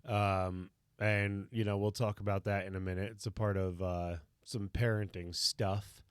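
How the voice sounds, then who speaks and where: Hoarse, rambling streamer dad. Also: male voice, fairly low pitch, level tone, measured pace, no room sound, clean studio sound. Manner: rambling, reflective, many fillers and restarts. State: slightly hoarse, tired voice. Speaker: streamer and parent. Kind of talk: casual live-stream chat.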